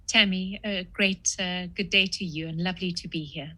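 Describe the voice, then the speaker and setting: A woman in her sixties from South Africa talks through a podcast interview at a measured pace, often pausing with "uh". Her voice is husky and sits a little low. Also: fairly even intonation, pushed and bright. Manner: measured, frequent "uh" pauses. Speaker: guest author.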